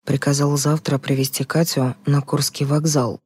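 A woman's voice: low voice, level tone, moderate pace, darkish tone, husky, dry recording, clean studio sound. A woman reading an audiobook voices a guilt-ridden middle-aged male psychologist who mumbles and justifies himself. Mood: gloomy.

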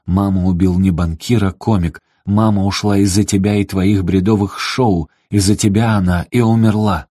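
A furious young man, betrayed and bitter, hurling accusations in a low, dark, husky voice, as a male narrator reads him. The audiobook sound is dry and close. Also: steady tone, normal speed, no echo. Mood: enraged.

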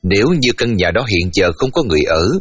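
A man's voice: sits low, animated, fairly quick, husky. A man voicing a determined young woman traveler in a story reading, speaking in a firm, insistent way. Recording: reverberant room, faint music.

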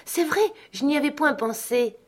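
A woman's voice: mid-range voice, moderate pace, darkish tone, lightly acted. A woman voicing a vain young wife who pleads plaintively for finery. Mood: eager.

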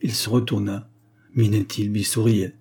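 A man reading a short crime story aloud in a steady, measured narration. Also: on the low side, husky. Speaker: audiobook narrator. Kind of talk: scripted narration.

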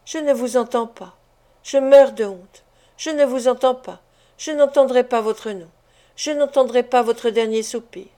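A woman reading a storybook, voicing a mysterious young woman who speaks in a calm, grave and dignified way. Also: fairly high pitch, normal speed, lightly acted. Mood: despairing.

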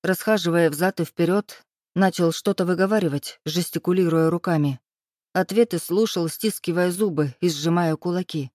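A woman reading a first-person novel aloud in a steady, even storytelling manner. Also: fairly low pitch, normal speed, no echo, studio quality. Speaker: audiobook narrator. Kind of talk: first-person scripted narration.

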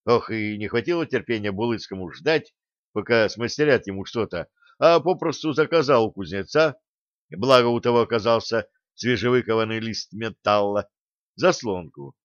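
A man reading an audiobook in a steady storytelling voice. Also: lowish voice, moderate pace, dry recording. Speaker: audiobook narrator. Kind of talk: audiobook narration. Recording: dull dry recording.

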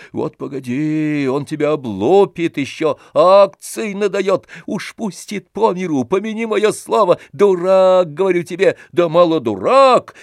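A man reading an audiobook, voicing a spiteful, coarse middle-aged man who shouts abuse venomously. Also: sits high, no echo, clean studio sound, pitched above the performer's own voice.

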